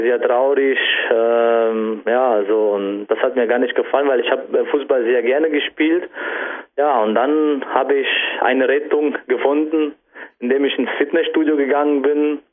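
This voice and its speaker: A man in his twenties from Sicily with an Italian accent, speaking German as a guest in a radio interview, halting with many fillers. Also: mid-range voice. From Sicily, Italy. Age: 20s. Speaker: guest bodybuilder. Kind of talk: casual interview answers. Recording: tinny phone-like radio sound.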